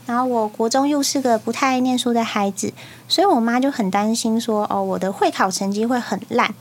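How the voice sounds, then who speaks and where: A woman's voice: a little high, brisk. A young woman with a Taiwanese Mandarin accent, co-hosting a podcast and telling stories frankly in casual chat. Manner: frank, storytelling. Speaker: podcast co-host.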